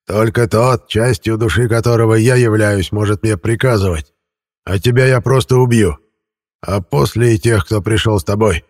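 A man voicing a gloating old undead ghost guarding a treasure, croaking with spiteful, drawn-out menace. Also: on the low side, a little mellow, no room sound, clean studio sound, close to an everyday voice.

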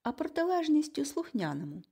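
A woman voicing a bossy, brisk adoptive mother in an audiobook, with an emphatic, commanding and impatient delivery. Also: high voice, sing-song, mellow, voice pushed up. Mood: forceful. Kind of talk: audiobook character reading.

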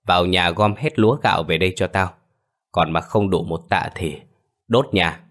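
Casting: a man doing a brutal old landlord, low and coarse, barking orders in an audio story. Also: moderate pace, a bit bright. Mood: contemptuous. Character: cruel greedy old male moneylender landlord.

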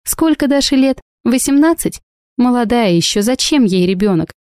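Alena, a brazen, ironic young woman, as a woman narrator plays her, mocking and unbothered. The voice is mellow and dry, recorded close in a storybook reading. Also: fairly high pitch, lively intonation, moderate pace, smooth, dry recording, voice pushed up, lightly acted.

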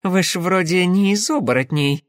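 A man voicing a flustered, indignant gentleman who is easily offended, in an audiobook. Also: high voice, moderate pace, no room sound, studio quality, pitched above the performer's own voice, lightly acted. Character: indignant, fussy gentleman Gunkin.

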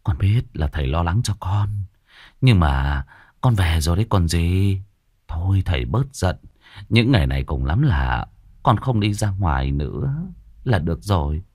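A man plays a spoiled young son in a ghost storybook reading, whining and wheedling in a raised, lively voice. His delivery is close and dry. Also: low voice, moderate pace, husky, dry recording, full character voice. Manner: wheedling, theatrical wailing.

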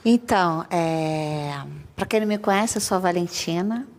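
A woman's voice: fairly low pitch, moderate pace, darkish tone, a little hiss or hum. A woman chatting in a group, telling a personal story with hesitant restarts. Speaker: medium sharing an experience.

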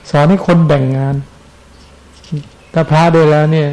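Mellow-voiced Thai monk preaching casually. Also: male voice, fairly high pitch, little pitch movement, moderate pace, vocal fry, rough recording. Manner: conversational, asks listeners questions. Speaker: Buddhist monk giving a dharma talk. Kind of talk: sermon.

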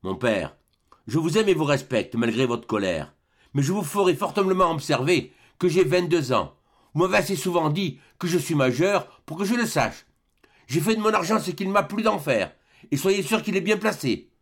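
A man voicing a young woman of twenty-two who answers her father calmly and firmly. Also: a little high. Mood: calm defiance. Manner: calm, firm, measured.

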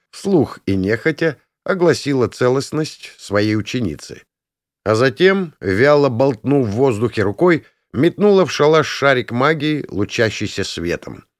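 A man reading a first-person fantasy audiobook with a sardonic, crude edge. His pitch swings in lively leaps across each phrase, and the recording is dry and close, with no room sound. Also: no echo. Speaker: audiobook narrator.

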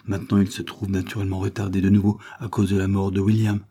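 A man's voice: low voice, flat delivery, fast talker, slightly rough. A man doing a kind, insistent young lady of the house. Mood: solicitous. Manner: warm, insistent, solicitous. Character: kind young wealthy wife and mother.

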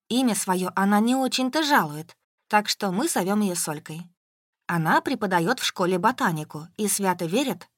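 A woman's voice: medium pitch, no room sound, studio quality. Woman narrating a wry audiobook. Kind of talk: first-person audiobook narration.

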